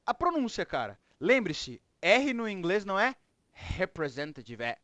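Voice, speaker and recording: A man's voice: high-pitched, wildly swooping pitch, moderate pace, fairly bright tone, no room sound. A man teaching English online, with a Brazilian Portuguese accent, giving encouraging feedback and explaining pronunciation rules in Portuguese and English.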